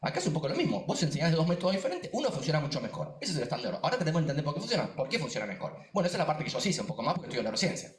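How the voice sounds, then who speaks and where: A man's voice: fairly high pitch, reverberant. A man with a Rioplatense Spanish accent, a neuroscientist and science communicator giving an emphatic seminar talk full of asides and repetitions. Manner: emphatic, animated, quick, with many asides and repetitions. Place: lecture room.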